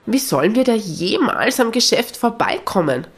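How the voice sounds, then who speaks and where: A narrator doing a bright little elf girl. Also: medium pitch, lively intonation, normal speed, husky, pitched above the performer's own voice. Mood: fretful. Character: small excited elf girl.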